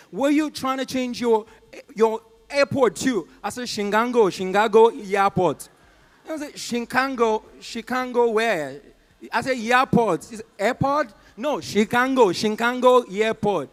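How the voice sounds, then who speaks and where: On a comedy club stage, a high-voiced Nigerian stand-up comedian tells a story, slipping into brief put-on voices for each person in it. He acts out the callers and agents quickly, punctuating with loud, punchy exclamations.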